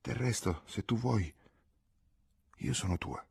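A sly young woman murmurs her coaxing lines, read by a man in his own husky, low voice. The delivery stays soft and wheedling, with pitch that rises and dips freely, as in a literary audiobook. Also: lively intonation, slow, full character voice.

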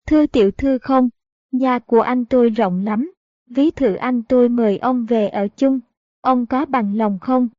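A woman voicing a kind, gentle young noble girl who speaks earnestly. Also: fairly high pitch, a little slow, no echo, close to an everyday voice. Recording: dull, dry audiobook recording.

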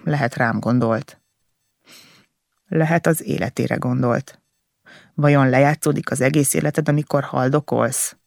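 A man reading a first-person novel aloud as an audiobook narrator, with an intense, emotional delivery in short, halting phrases. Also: mid-range voice, steady tone, vocal fry, a little mellow, dry recording, studio quality.

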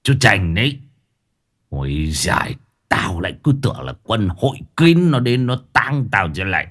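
A man's voice: on the low side, very animated, normal speed, a bit bright. A man voicing a fat, lazy, greedy village chief who grumbles and curses coarsely. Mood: grudging.

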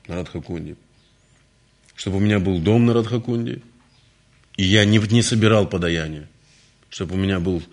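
A man voicing a frail ninety-two-year-old male guru who gives his disciples earnest, measured instructions. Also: sits low, vocal fry.

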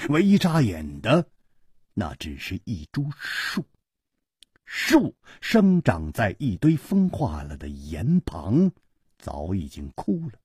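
A male storyteller gives expressive narration in a low, husky voice. His pitch swings widely, and he takes an unhurried pace. The sound is dry and close. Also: dry recording.

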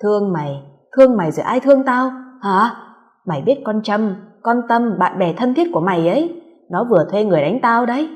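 A woman's voice: mid-range voice, animated, fairly quick, natural voice. Lady doing a brutal angry young husband in an audio story, harsh and sneering, long echo. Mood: contemptuous rage. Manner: shouting insults, harsh and scornful. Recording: long hall reverb.

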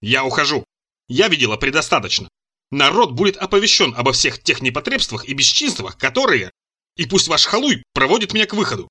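A furious, sharp-tongued woman activist, read by a male narrator. She lashes out with indignant accusations in a bright, lively voice. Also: fairly high pitch, normal speed. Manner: indignant, snapping. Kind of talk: audiobook character reading.

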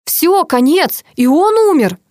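A woman's voice: fairly high pitch, normal speed, dry recording, clean studio sound, close to an everyday voice. Woman voicing a flustered male head doctor. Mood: shouting. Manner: shouting, flustered, then curt. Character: agitated middle-aged male head doctor.

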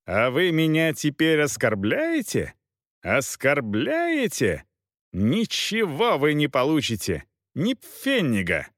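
Male narrator voicing a hot-headed mercenary captain, yelling, lively pitch swings, dry sound. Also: slow, dry recording, heavily acted. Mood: shouting. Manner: shouting, taunting, indignant.

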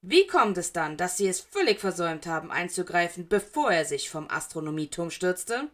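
A woman voicing a blunt female teacher who speaks gruffly and accusingly. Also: lowish voice, very animated, moderate pace, a bit bright. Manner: gruff, cutting.

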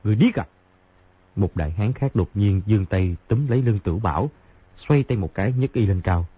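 Husky, lively male storyteller. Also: on the low side, a little fast, dry recording. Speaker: audiobook narrator. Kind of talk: storytelling narration of a martial-arts novel. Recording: tinny phone-like sound.

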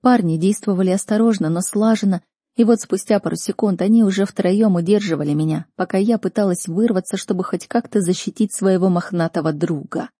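A woman's voice: medium pitch, brisk, dark tone, slightly rough, dry recording, studio quality. A woman narrating a first-person fantasy audiobook with an emotional, dramatic reading.

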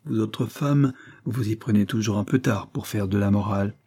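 A man's voice: lowish voice, normal speed, slightly rough. A man voicing a callous aristocratic seducer, speaking in a sneering, offhand way. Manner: sneering, offhand delivery, raised and loud.

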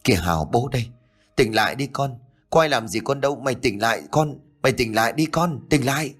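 A rough-tongued old village farmer with a hot temper speaks bluntly, played by a male storyteller. His voice is low and swings widely in pitch, fitting a spoken horror audiobook. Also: expressive, brisk. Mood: frantic. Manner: blunt and gruff.

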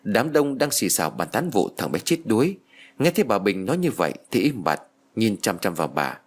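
A man reads a village story aloud as an audiobook. His voice sits on the low side and rises and falls with lively expression. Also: brisk, husky.

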